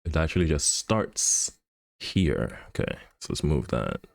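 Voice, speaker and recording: A man's voice: very deep voice, big pitch swings, measured pace, creaky, no echo. A man streaming live, thinking aloud and muttering to himself as he edits an animation in a casual, laid-back way. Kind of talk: casual livestream commentary while animating.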